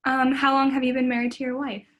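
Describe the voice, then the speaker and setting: A woman's voice: high-pitched, completely flat delivery, fast, a bit bright. A young woman running a student clinical interview, friendly and tentative, with frequent ums.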